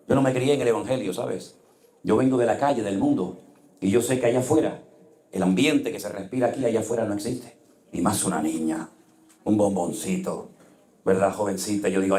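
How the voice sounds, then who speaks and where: A male pastor preaching a sermon, telling stories with passion and dropping to hushed tones at times. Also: mid-range voice, a little fast. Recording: echoey room.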